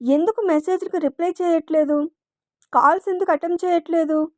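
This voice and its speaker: A woman's voice: extremely high pitch, steady tone, a little fast, darkish tone, dry recording, clean studio sound, voice pushed up. A woman voicing a caring middle-aged father.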